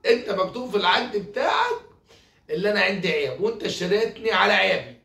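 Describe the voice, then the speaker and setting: A man's voice: high-pitched, very animated, fast, vocal fry, background noise, voice pushed up, heavily acted. A man with an Egyptian accent voicing a sly, lying male servant in a told folk tale, in a mischievous, matter-of-fact way. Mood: cheeky. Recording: roomy, from a distance.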